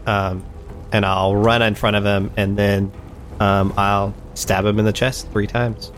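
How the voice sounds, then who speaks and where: Lowish, halting male player. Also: little pitch movement, soft background music. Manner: halting, stammering. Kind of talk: casual tabletop game chat.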